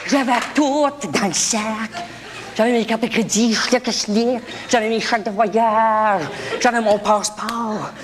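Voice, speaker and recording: A woman comedian with a Québécois accent doing an animated stage monologue, miming charades and making sound effects. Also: a little high, unhurried. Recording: live show, loud crowd and room noise.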